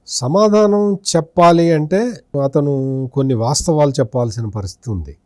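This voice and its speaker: A man speaking at a moderate pace, his voice a little high and darkish, acts as a senior journalist giving accusing political commentary in an interview. He targets a politician who is absent with rhetorical questions; the audio is dry and of studio quality.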